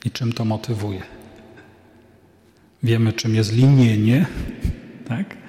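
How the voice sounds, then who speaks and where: A man speaks slowly and unhurriedly, giving a priest's talk with a relaxed, chatty tone and frequent asides. His voice is mellow and dark. The sound rings with a long reverb, as in a large hall. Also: mid-range voice. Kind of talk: sermon-like talk. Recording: echoey hall.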